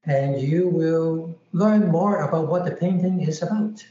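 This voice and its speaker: Man, high and mellow voice, measured short answers, echoey muffled Skype call. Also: a little hiss or hum. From Hong Kong. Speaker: guest artist. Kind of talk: interview answers.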